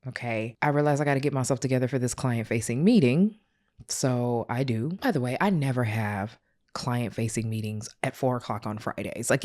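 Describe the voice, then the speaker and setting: Woman, very low voice, podcast host, casual confessional storytelling, slangy, voice cracking with emotion. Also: darkish tone. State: voice cracking with tears. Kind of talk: personal storytelling monologue.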